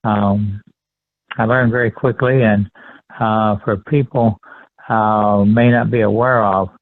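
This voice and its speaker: Speaking as a guest in an interview, a rural Texas man in his 70s with a Texan accent reminisces conversationally, polite and deliberate with halting pauses. The tinny phone line carries his low voice, which has fairly even intonation.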